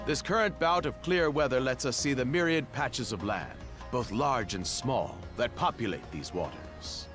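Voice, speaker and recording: An actor playing a courteous ship captain making a formal announcement to passengers over the ship's intercom. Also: male voice, a little high. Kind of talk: video game character dialogue.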